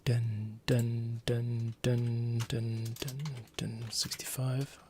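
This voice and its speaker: A composer drawls his words in a mellow, monotone, medium-pitched voice, with a bit of hiss or hum present. He thinks aloud while scoring, narrating each step as a kind of tutorial.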